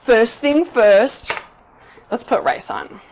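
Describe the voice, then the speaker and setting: Bubbly loud-talking woman cooking at home. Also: on the high side, slow, noisy background. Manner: bubbly, chatty, addresses viewers directly; self-described loud talker. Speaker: cooking video host. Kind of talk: live-streamed cooking demo chat. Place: home kitchen in a Brooklyn apartment. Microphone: 360 camera rig.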